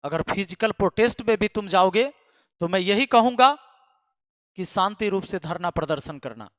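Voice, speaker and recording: A man's voice: sits high, normal speed, fairly bright tone, no echo, studio quality, big-room sound. A man who teaches math online, speaking to his students in an emphatic, scolding way and repeating lines for force. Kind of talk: impassioned address to students.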